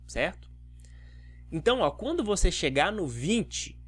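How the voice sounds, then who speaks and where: A man's voice: a little high, no room sound. A man teaching a math lesson. He explains each step and keeps asking the viewer rhetorical questions.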